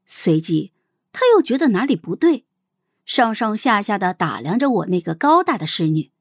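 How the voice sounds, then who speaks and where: Expressive young woman narrating an audiobook. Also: mid-range voice, no room sound, studio quality. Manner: measured, expressive storytelling. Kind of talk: first-person story narration.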